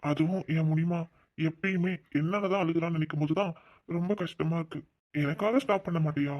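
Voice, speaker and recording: A man voicing a young man in love in a cartoon, gentle and coaxing. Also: on the high side, normal speed, close to an everyday voice. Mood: soothing. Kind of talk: cartoon voice acting. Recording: dull lo-fi recording.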